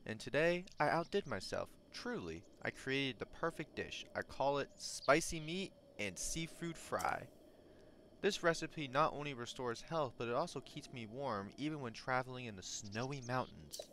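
A lonely, wistful old hermit, read out by a man playing the game. He speaks slowly and earnestly, with a hint of theatre, and steady game noise runs behind him. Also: mid-range voice. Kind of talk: reading game dialogue in a put-on voice.

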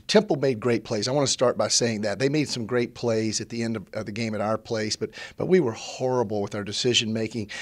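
A middle-aged man, a head basketball coach, answering post-game interview questions in a measured way, often repeating words as he starts a phrase. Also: mid-range voice. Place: press backdrop at an arena. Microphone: handheld mic held by interviewer.

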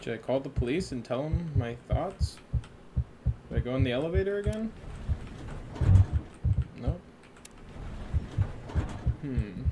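A young man streaming horror games, joking, swearing and yelling in reaction to scares. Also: mid-range voice, animated, measured pace, pauses often, very noisy. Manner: jokey, jumpy, swears, yells at scares. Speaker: gaming streamer. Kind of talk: casual horror game commentary.

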